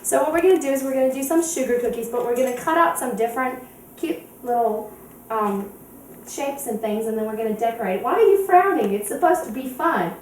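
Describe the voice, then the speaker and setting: A woman's voice: on the high side, fairly quick, a little mellow. A woman hosting a home cooking demonstration in her kitchen, chatty and giggly as she walks through each step. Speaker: cooking show host. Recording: echoey kitchen, distant mic, faint noise.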